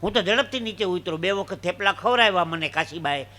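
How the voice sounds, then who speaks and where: A man tells stage jokes and folk stories, slipping into little voices for the people in them. His voice sits high for a man, and his tone is very bright and ringing. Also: fairly quick. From Gujarat, India. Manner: animated joke telling with acted dialogue voices. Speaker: stand-up comedian. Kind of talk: live folk comedy storytelling.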